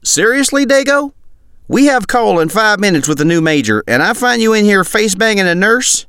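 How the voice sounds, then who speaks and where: A man voicing a flustered young male soldier in power armor who yells in a strained voice. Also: sing-song, normal speed, clean tone, dry recording, studio quality, full character voice. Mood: outraged. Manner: yelling in a strained, high voice.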